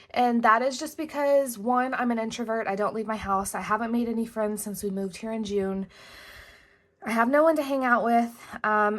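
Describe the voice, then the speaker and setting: A woman's voice: fairly high pitch, a bit bright. A young pregnant woman vlogging at her home desk, chatty and rambling, a little out of breath. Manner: chatty, rambling, self-correcting. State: heavily pregnant, a bit out of breath. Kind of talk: casual planner vlog.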